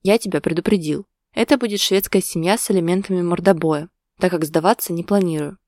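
A woman's voice: fairly low pitch, a little fast, darkish tone, dry recording, lightly acted. Woman reading a stubborn young husband, jokey and insistent, storybook romance, dry sound. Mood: teasing.

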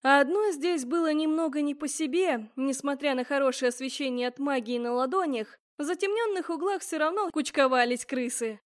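A woman reading a first-person fantasy audiobook aloud, expressive and voicing the characters as she goes. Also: high voice, normal speed, hardly any pauses. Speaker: audiobook narrator.

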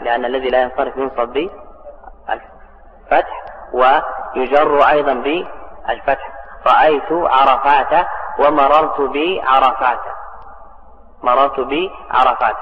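Male grammar teacher, slow and deliberate with examples; dull recording with a long hall reverb. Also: medium pitch. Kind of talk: classical Arabic grammar lesson.

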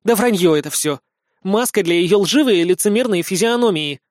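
A man voicing a sharp-tongued, jealous young noblewoman who is the elder sister, speaking scornfully. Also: sits high, lively intonation, brisk, no echo, clean studio sound, pitched above the performer's own voice. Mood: snappy. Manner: scornful, snappy.

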